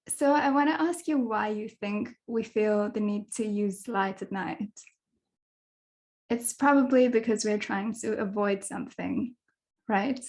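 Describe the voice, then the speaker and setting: A young adult woman from Kenya giving a presentation talk over a video call as a dark sky advocate, in a thoughtful way with soft fillers. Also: fairly high pitch.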